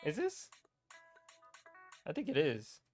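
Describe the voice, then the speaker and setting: A man's voice: fairly high pitch, huge pitch swings, slow pace, a little mellow, faint music behind. A young man casually reacting to his own old videos, teasing and talking to himself. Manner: wry, teasing, talks to himself.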